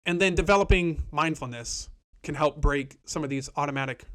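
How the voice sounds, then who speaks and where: A man with a fairly high voice talks through a self-help monologue as host. He is earnest and repetitive, and now and then he voices his own inner self-talk. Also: fairly quick, fairly bright tone. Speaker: podcast host.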